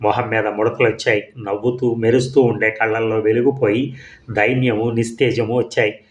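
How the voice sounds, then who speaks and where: A man giving steady, measured storybook narration of a serial. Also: lowish voice. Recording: echoey room.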